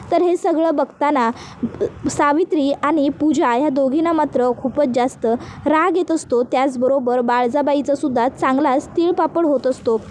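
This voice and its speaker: A woman retelling a TV serial episode in a soft, even narrating voice. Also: high voice, a little hiss or hum. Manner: soft-spoken, reads every character's lines herself.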